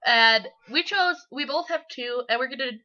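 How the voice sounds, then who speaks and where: A woman with a stuffy, congested nose from being sick hosts a mock-dramatic reading, giggling as she goes. Her voice is bright and fairly high. The home recording sounds muffled and lo-fi. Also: normal speed. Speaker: channel host. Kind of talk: dramatic comic story reading.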